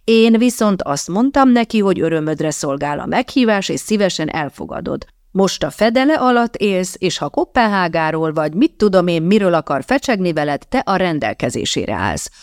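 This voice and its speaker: A woman's voice: lowish voice, very animated, hardly any pauses, a little mellow, no room sound, studio quality. A woman voicing a stern older aunt who keeps house, scolding and giving firm commands.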